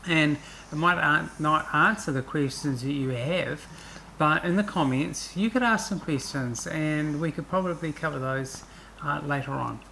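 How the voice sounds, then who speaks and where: A woman's voice: low-pitched, measured pace, creaky, fairly bright tone, a little hiss or hum. A woman hosting a casual interview, asking her co-host questions in a hesitant way with many ums.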